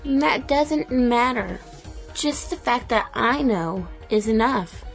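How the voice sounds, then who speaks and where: A woman's voice: fairly high pitch, expressive, slow, gravelly, heavily acted. A woman in her twenties playing a vain young wife who pleads and pouts about her looks, with faint music underneath. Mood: insistent. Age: 20s. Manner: pleading, pouty. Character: vain young wife fretting over wrinkles.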